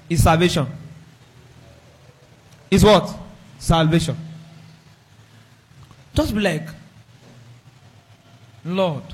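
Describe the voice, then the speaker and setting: A man preaching a sermon, acting out dialogues with animated, raised voices. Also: high-pitched. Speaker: pastor.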